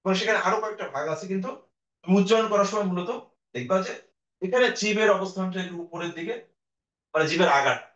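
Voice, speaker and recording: A man's voice: sits high, fairly bright tone. A male teacher giving a recorded class lecture, explaining patiently and sounding out vowels for his students. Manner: explains slowly, demonstrates vowel sounds aloud; addresses students directly, patient. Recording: dull, echoey room audio.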